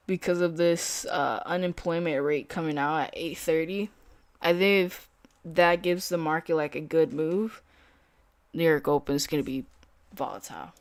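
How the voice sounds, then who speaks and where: Speaking on the low side in a dry recording, this young day trader streams live and keeps things casual. Her talk is loose, slangy and heavy on fillers.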